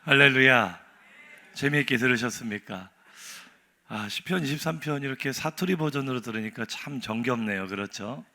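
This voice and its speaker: Pastor from seoul, chatty sermon, asks the crowd stuff, bright tone. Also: male voice, mid-range voice, a little fast. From Seoul, Korea. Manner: conversational, questions to the congregation.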